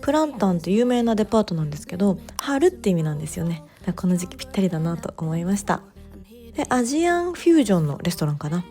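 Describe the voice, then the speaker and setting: A woman narrating her vlog in a relaxed voice-over, chatty and gently enthusiastic, with soft fillers. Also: lowish voice, rapid-fire, faint music behind. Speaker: bookstore owner vlogger.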